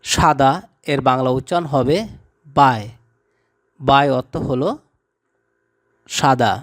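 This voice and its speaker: A man teaching vocabulary word by word, saying each term and then repeating it in a deliberate, patient way. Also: medium pitch, fairly even intonation. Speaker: language teacher. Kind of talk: slow word-by-word vocabulary lesson.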